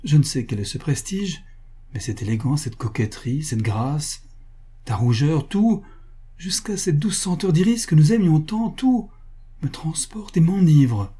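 A man's voice: mid-range voice, lively intonation, a little slow, warm tone, slightly rough. A man voicing a passionate, adoring husband who speaks with ardent exclamations.

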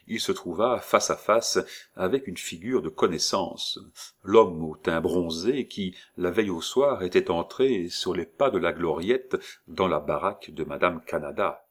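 A man reading a classic novel aloud in a measured storytelling manner. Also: sits low. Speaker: audiobook narrator. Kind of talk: scripted literary narration.

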